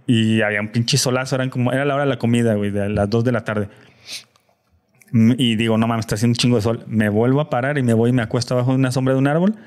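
A man's voice: mid-range voice, fairly even intonation, quick pace, darkish tone, clear, resonant tone. A man with a Mexican accent telling a long story in casual chat with friends, full of slang and swearing, acting out what people said. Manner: slangy, swears often, acts out quoted voices.

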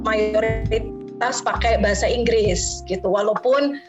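Heard over music, this interview guest has a voice on the high side and a measured pace. She's a woman in her thirties from Jakarta with Betawi-tinged Indonesian, chatty and casual, sprinkling in English words and frequent fillers.

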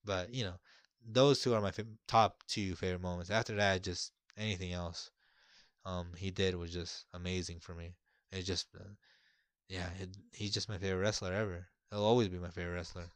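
A man in casual conversation, telling stories in a relaxed, rambling way with lots of fillers. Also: low voice, a little fast, dry recording, clean studio sound. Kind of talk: casual chat.

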